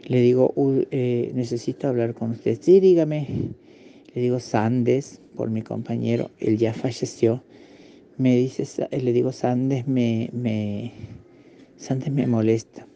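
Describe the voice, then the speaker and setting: A man in his fifties with an Argentine accent, recounting a personal memory in halting testimony with pauses and restarts. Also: medium pitch, flat delivery, creaky, mellow, dull audio, a little hiss or hum. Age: 50s. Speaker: interviewee giving testimony.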